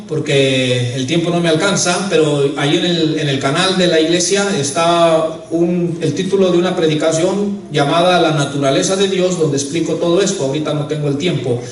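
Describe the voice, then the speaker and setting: High-voiced preaching pastor, echoey hall. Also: male voice. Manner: earnest preaching, repeats "hermano", rises to emphatic peaks. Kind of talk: sermon. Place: church sanctuary. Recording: echoey church hall, mic at a distance.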